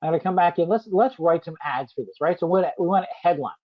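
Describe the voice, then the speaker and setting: Chatty man demoing software. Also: on the high side, fast talker. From United States. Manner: chatty, keeps tagging "right?", answers viewers by name. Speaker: software demo presenter. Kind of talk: live webinar product demo. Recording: muffled lo-fi audio.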